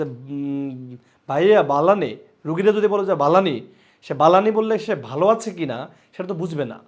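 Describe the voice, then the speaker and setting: Young male online teacher, slightly high voice, lively exam-prep delivery with lots of repetition. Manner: lively, repeats points and calls out students' names.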